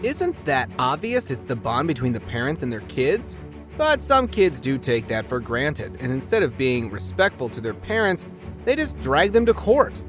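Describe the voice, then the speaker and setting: A man's voice: medium pitch, big pitch swings, normal speed, a bit bright, faint music behind. A man narrating court show clips in a dramatized way, with exclamatory, scolding asides. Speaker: video narrator.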